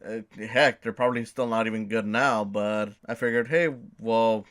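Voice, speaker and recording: A man's voice: on the low side, steady tone, normal speed, a bit bright. A young man talking in a casual personal monologue, rambling and hesitant, with many fillers and restarts. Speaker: video creator.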